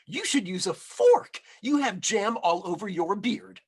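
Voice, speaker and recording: A man voicing a kindly, chatty grandmother in her nineties from a storybook, fussy, welcoming and gently scolding. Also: sits high, lively intonation, unhurried, breathy edge, voice pushed up, full character voice. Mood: amused. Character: kindly, chatty ninety-seven-year-old village grandmother, hard of hearing.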